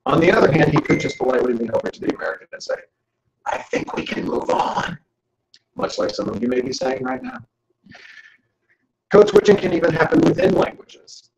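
A man giving a joking, animated lecture to an audience as a guest speaker. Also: fairly high pitch, fast talker, vocal fry, reverberant, low-quality recording. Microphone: camera.

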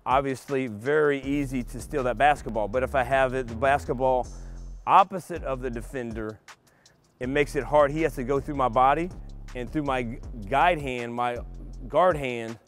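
A middle-aged man coaching basketball, calmly explaining drills step by step to young players in a large empty indoor arena. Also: medium pitch, moderate pace, faint music behind. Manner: patient step-by-step explaining to kids. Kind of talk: instructional clinic demonstration.

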